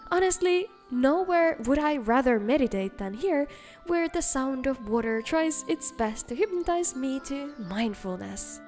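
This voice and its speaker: Woman hosting a game mod showcase, high voice, scripted narration, faint music behind. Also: lively intonation, measured pace, darkish tone. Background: faint background music.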